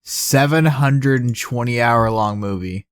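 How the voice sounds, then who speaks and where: Young man co-hosting, animated and chatty. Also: medium pitch, a little slow, smooth, no room sound, clean studio sound. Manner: animated, acts out movie quotes. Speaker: podcast co-host. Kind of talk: casual chat.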